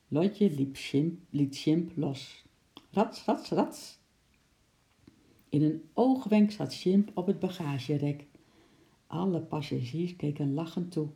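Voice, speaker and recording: A woman reading a children's story aloud with calm, expressive narration. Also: low voice, vocal fry.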